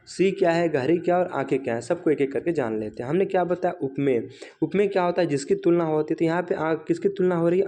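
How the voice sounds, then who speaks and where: A male teacher giving a fast exam revision lecture, asking questions and answering them himself, often checking with "right?", and slowing down to recite example lines. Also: on the high side, warm tone, slight background noise.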